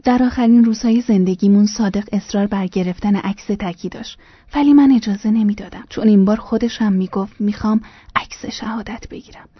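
A woman reads a first-person memoir in a soft, hushed voice that keeps slipping toward a whisper. Her tone is husky and breathy at a middling pitch. The recording is dry, with no room sound, and a little muffled. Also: dry recording. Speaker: narrator.

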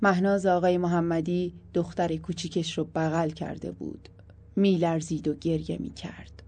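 A woman narrating a story in a calm, even audiobook style. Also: lowish voice.

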